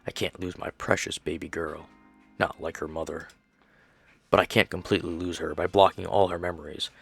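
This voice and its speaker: A man voicing a grieving, obsessive father who builds machines, reading his diary in a low, hushed voice. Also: fairly even intonation, fairly quick, creaky, slightly rough, faint music behind, heavily acted. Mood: grim, tender.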